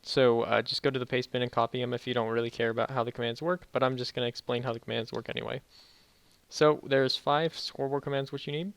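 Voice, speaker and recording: A young man giving a casual, halting game tutorial, speaking slightly muffled and carefully, as if sore after dental work. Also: mid-range voice, fairly even intonation, gravelly, no room sound. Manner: halting, self-correcting explanations. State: sore mouth after wisdom teeth removal, slightly muffled careful speech. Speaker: tutorial video host.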